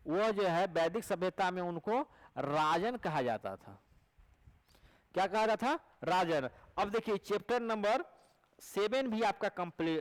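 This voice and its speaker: A male teacher with a Bihari Hindi accent leads an exam prep lecture in a high voice. He repeats each question and answer, asking rhetorical questions to check that his students recall them. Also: poor audio.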